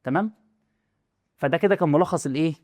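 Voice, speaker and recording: A man's voice: fairly high pitch, a little mellow, no room sound, studio quality. A young man with an Egyptian Arabic accent explaining a math lesson in a casual, chatty way, often checking whether the student follows. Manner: rapid, chatty, asks the student rhetorical questions. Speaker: math teacher.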